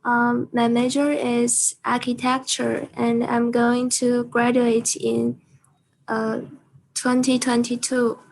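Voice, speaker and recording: A woman from China introduces herself on a video call, slow and hesitant, her voice gravelly with fry. Her pitch sits a little high but barely moves, and a faint hiss sits under it. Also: monotone, low-quality recording. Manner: hesitant, many fillers. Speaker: architecture student.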